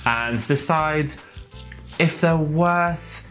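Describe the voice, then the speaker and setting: A man's voice: a little high, very slow, fairly bright tone, faint music behind. A British man, a sassy drag queen co-host, chatting and bantering playfully with casual swearing. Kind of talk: casual banter, toy reaction video. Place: small indoor set.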